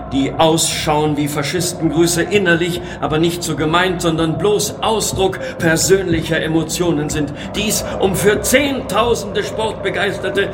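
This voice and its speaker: A man's voice: fairly high pitch, steady tone, a little slow, background noise, natural voice. A man playing a pompous football official, delivering a formal scripted proclamation in an officious way.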